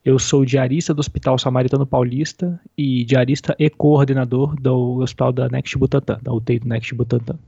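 A man in his thirties, an ICU doctor, explaining things in a measured way during an interview heard over a phone line. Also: medium pitch, flat delivery, creaky, warm tone, slightly rough, no room sound. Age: 30s. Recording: dull, muffled phone call audio.

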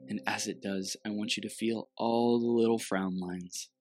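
A man leading a guided meditation with a soothing delivery and long pauses, speaking softly as if right in your ear. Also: fairly low pitch, steady tone, no room sound, clean studio sound.

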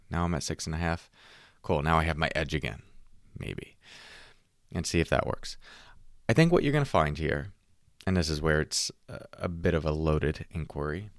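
A man with an exceptionally deep voice, recorded dry with little room sound. He talks like a relaxation coach, calm and conversational. His manner is reflective and gently inviting, guiding the listener through self-inquiry. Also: no echo. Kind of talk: calm, conversational guided self-help talk.

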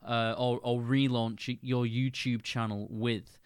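A man's voice: mid-range voice, level tone, measured pace, smooth, no room sound, clean studio sound. A man co-hosting a podcast in casual chat, hesitant, with many fillers and restarts. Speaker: podcast co-host.

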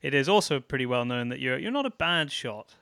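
A man hosts a casual interview in a medium-pitched voice. His tone is clean and smooth. The recording is dry, with hardly any room sound. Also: animated, brisk, sharp tone, no echo.

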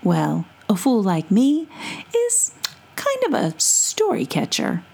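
A woman voicing a gentle wandering male storyteller who speaks politely and whimsically, with small hesitations. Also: mid-range voice, wildly swooping pitch, slow, creaky, husky, exaggerated voice.

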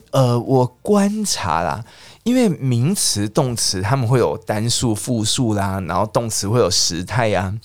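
A man teaching English, his fairly low voice rising and falling a lot. He chats with the listeners, asks them questions and repeats key words slowly. The sound is dry and close. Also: no room sound. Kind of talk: lively lesson.

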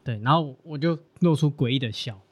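A man, telling a story on a podcast in a relaxed, self-mocking way. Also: medium pitch, a little fast. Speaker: podcast co-host. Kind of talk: casual storytelling.

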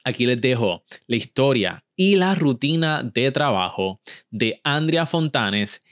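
A man's voice: medium pitch, sing-song, a little slow, a bit bright, no echo. An upbeat man hosts a podcast interview, slipping English words into his talk. The sound is close and dry, with almost no room. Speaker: podcast host.

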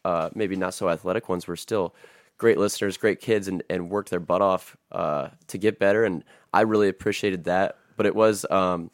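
A man's voice: deep voice, fairly even intonation, normal speed, no echo, studio quality. A man with an American accent, a youth football coach, telling coaching stories in an easygoing way with lots of fillers. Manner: easygoing, filler-heavy storytelling. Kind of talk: casual podcast conversation.

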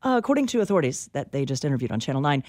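A middle-aged woman co-hosting a radio show, chatting and telling stories. Her voice swoops all over as she gets excited and jumps up into high squeals. It sounds like casual talk-radio banter. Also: rapid-fire.

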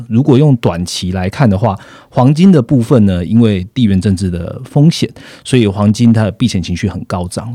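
A male host recaps the discussion in an even, measured way. His voice sits low and sounds dark and mellow, close to the mic in a dry studio. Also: no room sound. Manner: steady summarizing, short affirming backchannels. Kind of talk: financial talk show hosting.

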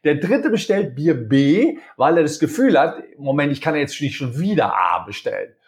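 A man's voice: on the high side, sing-song, moderate pace, gravelly. A man as an interview guest, talking in a conversational way and acting out quoted dialogue in different voices. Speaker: interview guest, communication speaker.

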